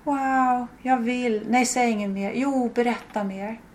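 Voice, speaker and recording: A woman voicing an excitable, effusive fashion-loving woman in her late fifties who used to be a model. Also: on the high side, a little hiss or hum, voice pushed up, lightly acted. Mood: gushing. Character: gushing fashion-loving woman near sixty, former model.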